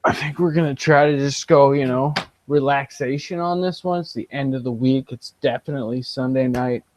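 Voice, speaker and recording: A man's voice: mid-range voice, moderate pace, a little mellow, a little hiss or hum, low-quality recording. A man co-hosting a podcast in casual chat, rambling with restarts. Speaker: podcast co-host.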